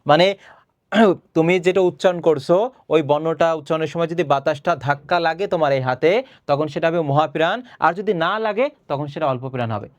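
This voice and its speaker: A young man teaching a recorded online class, explaining step by step, asking questions and answering them himself, and clearing his throat often. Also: a little high, moderate pace, dry recording.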